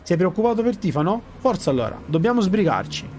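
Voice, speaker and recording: A man's voice: sits high, very animated, fast talker, a little mellow, slight background noise. A man reading aloud the lines of a playful, persuasive young woman in a video game.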